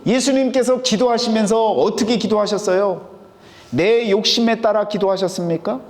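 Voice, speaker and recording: A man's voice: high-pitched, moderate pace. A male pastor with a Chungcheong accent preaches a sermon, asking the congregation questions and answering them himself. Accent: Chungcheong Korean. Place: church sanctuary. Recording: long hall reverb.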